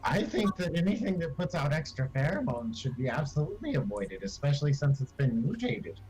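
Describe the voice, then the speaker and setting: Lively man playing a tabletop game. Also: on the high side, fairly quick, rough recording. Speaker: player. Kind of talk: casual tabletop play.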